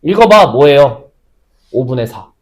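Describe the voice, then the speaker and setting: A man teaching a high school math lesson, often asking the class questions and then answering them himself. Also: big pitch swings, measured pace, darkish tone.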